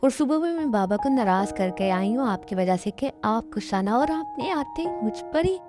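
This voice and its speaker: A woman's voice: on the high side, animated, moderate pace, music in the background, close to an everyday voice. A woman voicing a young pregnant wife who reproaches her husband in a fan-dubbed drama. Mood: reproachful. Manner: reproachful, hurt. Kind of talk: Hindi fan dub drama.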